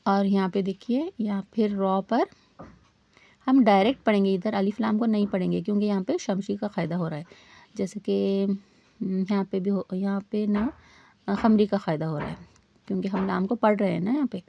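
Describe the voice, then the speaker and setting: Gravelly-voiced woman teaching Quran recitation. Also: mid-range voice, no room sound, lo-fi sound. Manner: patient, repeats points, asks learners questions; slows down to model Arabic sounds. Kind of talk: step-by-step tajweed lesson.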